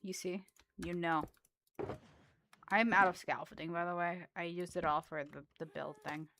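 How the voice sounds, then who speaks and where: A woman's voice: on the low side, steady tone, moderate pace, fairly bright tone, a little hiss or hum. A young woman streamer chatting casually while playing a game, rambling with frequent restarts and laughs. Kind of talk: casual livestream chat while gaming.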